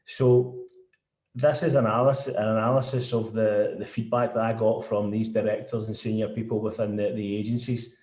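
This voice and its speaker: Guest-speaking at an informal webinar, a Scottish sales director with a broad Glasgow accent talks in a lowish, slightly mellow voice. His delivery is flat and moderately paced, and the room sounds echoey.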